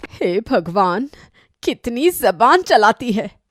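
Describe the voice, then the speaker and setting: A woman's voice: a little high, sing-song, slow, no room sound, studio quality, heavily acted. Woman playing a scolding cartoon mother-in-law. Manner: sharp-tongued, scolding. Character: strict, scolding middle-aged mother-in-law. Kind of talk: cartoon voice acting.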